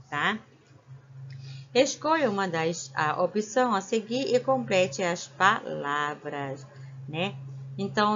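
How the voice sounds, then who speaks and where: A woman's voice: lowish voice, fairly bright tone, muffled recording, slight background noise. A woman teacher with a Brazilian Portuguese accent, patiently walking young children through a worksheet and checking in with "né?" after each point. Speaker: primary school teacher. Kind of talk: remote lesson explaining a worksheet.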